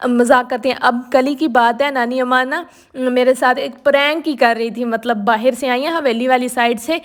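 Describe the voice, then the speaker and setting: A woman's voice: high voice, fairly even intonation. A young woman from Pakistan chatting casually in her home vlog, confiding and repeating herself as she talks about her grandmother and her sewing. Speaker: vlogger.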